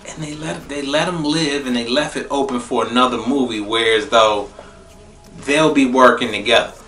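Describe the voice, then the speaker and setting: Young man, casual movie review vlog, bright forceful voice, echoey room with faint music. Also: moderate pace, recorded from a distance. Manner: profane, blunt, repeats phrases for emphasis; animated, jumps into high exclaims. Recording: roomy echo, a bit off-mic, faint music behind.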